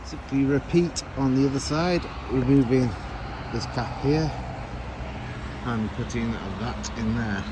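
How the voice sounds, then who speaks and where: Talking slowly in a mid-range voice, a male vlogger walks viewers through car repairs in relaxed, hands-on DIY narration. Filming happens around and inside the car and partly at a desk, and outdoor car noise is clearly audible.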